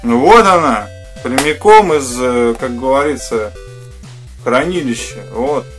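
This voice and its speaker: A man's voice: mid-range voice, lively intonation, a little slow, soft background music. A man in his thirties hosting a casual unboxing vlog in a small room, rambling in slangy, mildly sweary speech. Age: 30s. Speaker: host of a retro games channel. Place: small furnished room indoors.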